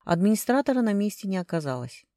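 A woman narrating a first-person novel in a dry, ironic and expressive way. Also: medium pitch, quick pace, no echo. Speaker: audiobook narrator.

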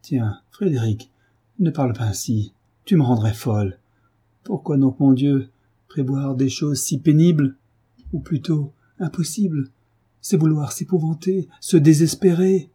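A man's voice: on the high side, measured pace, dark tone, slightly rough, voice pushed up. A man voicing an anxious, pleading young mother. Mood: distressed. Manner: pleading, alarmed.

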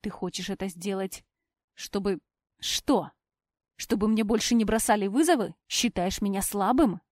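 A young male werewolf alpha, drained and furious, who hisses his words low and tense, as a woman reader puts him on. His voice drops lower and softer than the narration around him. The reading sounds dry and close. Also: normal speed, no echo, lightly acted. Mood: angry.

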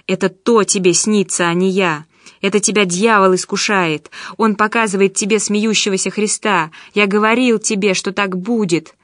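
A woman voicing a furious, domineering man who shouts in rage, in an audiobook. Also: medium pitch, fairly even intonation, normal speed, dry recording, studio quality, close to an everyday voice. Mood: enraged. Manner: shouting, enraged.

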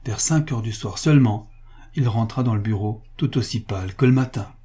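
A man reading a novel aloud as narrator, in a steady, measured way. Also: lowish voice, husky. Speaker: audiobook narrator.

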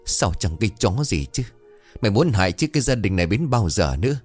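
A man voicing a shrill, abusive middle-aged mother who screams curses at her daughter in rapid tirades. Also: very animated, faint music behind. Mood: screeching, abusive. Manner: cursing, screeching, rapid tirades.

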